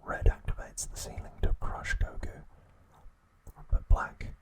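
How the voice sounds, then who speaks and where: A man acting as an ASMR host narrates a script in a breathy, unvoiced whisper. His phrasing is hushed and deliberate, with pauses.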